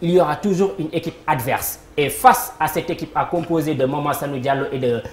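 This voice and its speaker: A woman with a low-pitched, slightly mellow voice speaks fairly quickly as host of a live TV word game. Upbeat, she greets viewers and cues applause, in an echoey studio with faint noise.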